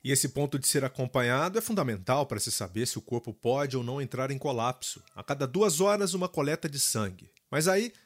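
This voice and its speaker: A man's voice: medium pitch, expressive, fairly quick, hardly any pauses. A man with a Brazilian Portuguese accent hosting a podcast, narrating in an upbeat, announcer-like way. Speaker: podcast host. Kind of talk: scripted narration.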